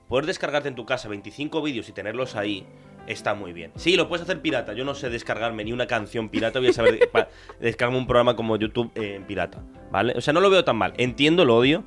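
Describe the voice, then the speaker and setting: A young man co-hosting a casual chat, speaking loudly and emphatically as he tells rapid stories. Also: medium pitch, expressive, soft background music. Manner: loud, emphatic, rapid storytelling. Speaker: podcast co-host.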